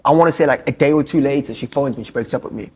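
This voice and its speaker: A man's voice: mid-range voice, rapid-fire, darkish tone, slightly rough. A young man with a South African accent, a podcast guest telling his story in a loose, casual way full of fillers.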